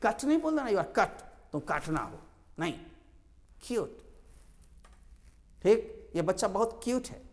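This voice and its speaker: High-voiced male teacher in echoey hall. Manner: explains slowly, repeats words with stress. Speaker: English teacher. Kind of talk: classroom lesson.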